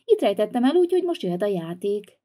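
A woman's voice: medium pitch, big pitch swings, warm tone. A woman voicing a sulky hot-tempered boy. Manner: whiny and defiant. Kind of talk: toy-figure video voice acting.

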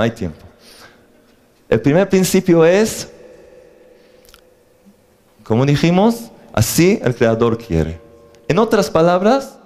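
Animated man teaching on faith. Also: mid-range voice. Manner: animated, asks the audience questions, jokes. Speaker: religious teacher. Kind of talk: lecture on faith to a live audience.

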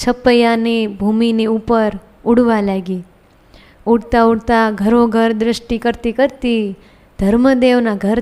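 A woman's voice: on the high side, darkish tone, clean tone. A woman narrating a devotional story, telling it dramatically and voicing each character herself. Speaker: religious storyteller. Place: women's religious centre.

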